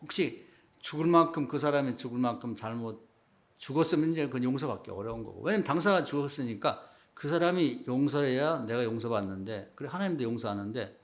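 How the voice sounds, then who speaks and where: A middle-aged man preaching a sermon as pastor, in a conversational style that rises to loud emphatic peaks and drops to quiet asides. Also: lively intonation, brisk. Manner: conversational preaching, acts out quoted remarks in a low hushed voice.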